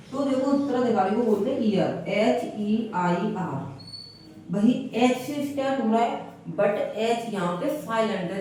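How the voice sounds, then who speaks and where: A male teacher giving a classroom grammar lesson, repeating key phrases and quizzing the class with questions. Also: high-pitched. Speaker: English teacher. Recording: very echoey room, voice far from mic, faint hiss.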